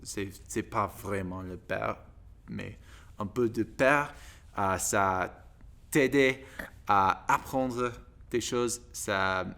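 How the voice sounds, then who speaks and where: A man from the United States with an American accent, a native English speaker, talking casually as a learner in halting, broken French with searching pauses and grammar slips. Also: lowish voice, creaky, a bit bright. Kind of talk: casual monologue to camera in a second language.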